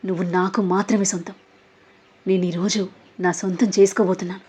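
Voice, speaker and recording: A woman's voice: medium pitch, flat delivery, fairly quick, mellow, slightly rough, close to an everyday voice. A woman voicing an obsessive, hot-tempered young man who talks intensely and demands. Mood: possessive. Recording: dull lo-fi audio.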